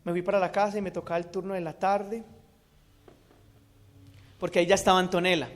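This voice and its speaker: A man gives an earnest religious testimony, shifting between loud and hushed. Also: a little high. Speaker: speaker giving a testimony.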